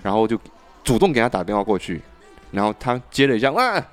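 A man hosting a podcast, telling a story in an animated, casual way with frequent restarts. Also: lowish voice, quick pace, soft background music. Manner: animated, laughs and restarts often. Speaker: podcast host.

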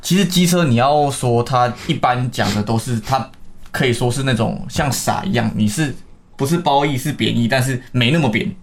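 A man's voice: mid-range voice, moderate pace, vocal fry, a little hiss or hum. A man with a Taiwanese accent chatting casually as a guest and explaining slang. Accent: Taiwanese Mandarin. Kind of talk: casual chat.

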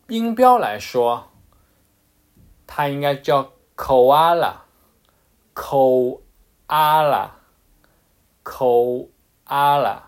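A man teaching English pronunciation in a casual, patient way, with frequent fillers and restarts. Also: a little high. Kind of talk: casual explanatory lesson.

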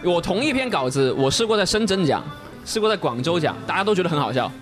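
Animated man with a light Cantonese accent. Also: sits high, quick pace, music in the background. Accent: light Cantonese-accented Mandarin. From Guangzhou, China. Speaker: guest, full-time short-video creator. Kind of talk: casual podcast chat.

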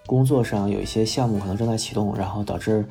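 A man's voice: fairly low pitch, fairly even intonation, fast, warm tone, faint music behind. A man hosting a casual podcast chat in a wry, self-mocking way. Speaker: podcast host.

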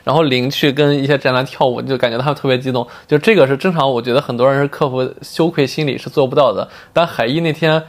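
A man's voice: mid-range voice, fairly even intonation, quick pace, hardly any pauses. A man hosting a podcast, chatting with his guest and agreeing often. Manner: eager back-channel agreement. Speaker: podcast host. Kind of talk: podcast conversation.

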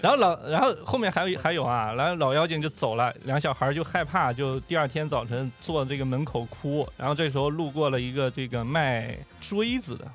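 A man on a podcast casually retelling a spooky folk tale from childhood. He talks in a chatty, animated way with plenty of fillers, in a slightly raised voice. Quiet music runs faintly behind him. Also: fairly high pitch, a little fast, hardly any pauses. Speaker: podcast host. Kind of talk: casual storytelling chat.

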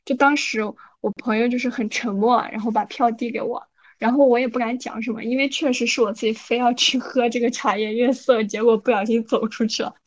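A woman co-hosting a podcast, telling a story in a casual, animated way and often checking in with her listener. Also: fairly high pitch, a little fast. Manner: animated, frequent "你知道吧" asides. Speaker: podcast co-host.

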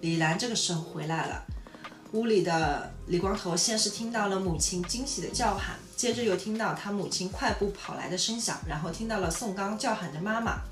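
A woman's voice: brisk, echoey room, soft background music. A woman co-hosting a podcast, reading a novel aloud in a storytelling way with casual asides. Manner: reads steadily, laughs often, lively pitch on quoted lines.

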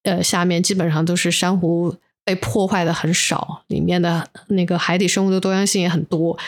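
A woman's voice: lowish voice, darkish tone. A woman co-hosting a podcast while under the weather, telling personal stories casually and mixing English words into her Mandarin. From inland China. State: unwell, recording while sick. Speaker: podcast co-host. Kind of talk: casual chat, personal storytelling.

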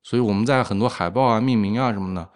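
Male craft brewer as interview guest, low pitch, agreeable, explains in casual conversation. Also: rapid-fire.

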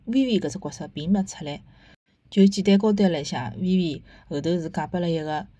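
A woman with a Shanghainese accent talks in a low, mellow voice with a slightly husky edge. She sounds conversational and opinionated, like a host casually retelling and reviewing a story. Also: fairly quick, no echo, highs cut off. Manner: conversational, opinionated, with rhetorical tag questions. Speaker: host of a book and theatre review podcast.

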